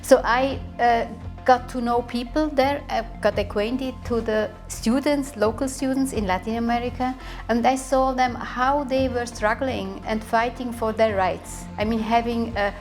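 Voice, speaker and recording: A woman's voice: fairly high pitch, steady tone, measured pace, faint music behind. A woman in her sixties, a diplomat, answering an interview question in a hesitant way with many fillers and restarts.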